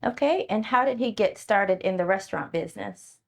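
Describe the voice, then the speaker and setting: A woman's voice: medium pitch, normal speed, vocal fry. A woman conducting an oral history interview, asking prepared questions.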